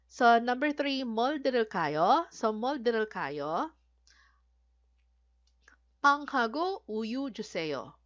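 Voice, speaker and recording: A woman's voice: a little high, fairly bright tone, muffled recording. A woman from the Philippines teaching a language lesson, patiently repeating each word and speaking politely. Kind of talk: Korean vocabulary lesson in Filipino.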